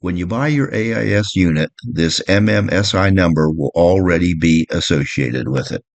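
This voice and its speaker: A man with a low voice speaks at a normal speed, with no echo. He gives plain, step-by-step how-to instructions, partly read and partly off the cuff, like a boat owner explaining his gear.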